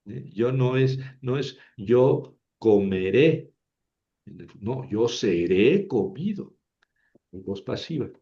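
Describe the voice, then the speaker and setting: A man teaching an Ancient Greek grammar lesson, slowly and patiently repeating each form and checking in with his listeners. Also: medium pitch, expressive, dull audio.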